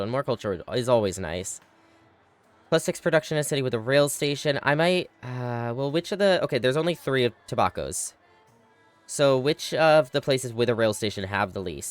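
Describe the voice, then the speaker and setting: A man streaming a strategy game, chatting casually with his viewers and thinking aloud with frequent exclamations, sounding a little tired. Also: medium pitch. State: yawning, tired. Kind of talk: casual live gameplay commentary.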